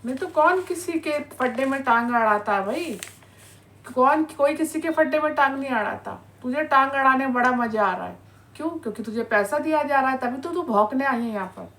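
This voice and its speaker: Scolding woman reaction host, slightly high voice. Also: animated, brisk, fairly bright tone. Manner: scolding, insulting, repeated "है ना" tags. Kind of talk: angry reaction rant.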